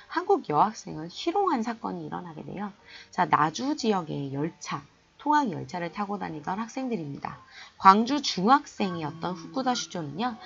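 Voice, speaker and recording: Female history teacher, lively swooping delivery, chatty lecture, slightly muffled recording. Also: medium pitch, creaky, breathy edge. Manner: chatty, animated, colloquial storytelling.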